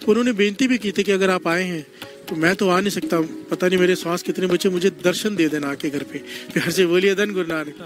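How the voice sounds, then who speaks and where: High pitched guy preaching a story sermon, slow deliberate delivery, keeps getting the crowd to call back. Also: faint music behind. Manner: call-and-response preaching, leads the congregation in responses.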